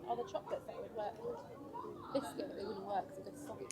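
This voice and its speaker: A woman's voice: medium pitch, huge pitch swings, a little fast, a crowd in the background. A woman chatting casually as she tastes food. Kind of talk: casual chat while tasting food.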